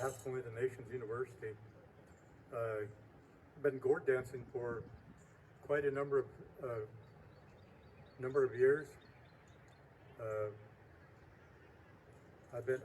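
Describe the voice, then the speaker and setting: A man giving an informal introduction as a powwow head gourd dancer, speaking haltingly. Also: medium pitch, a little mellow. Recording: distant mic with faint noise.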